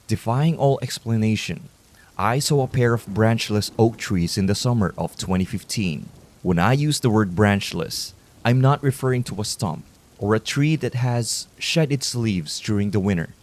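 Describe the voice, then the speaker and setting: A man calmly narrating horror stories meant for sleep, in a measured, low-key delivery. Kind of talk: calm scripted sleep-story narration.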